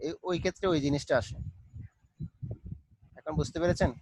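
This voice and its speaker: A man's voice: fairly high pitch, fairly even intonation, brisk, darkish tone, no room sound, low-quality recording. A man tutoring students in a live online class, patiently walking them through steps and mixing in English terms. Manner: patient, repeats instructions, mixes English terms into speech.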